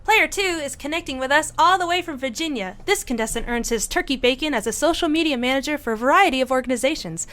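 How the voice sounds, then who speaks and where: A woman's voice: high-pitched, a bit bright. A woman co-hosting a gaming quiz show, reading intros and rules in a playful manner. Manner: playful, giggly.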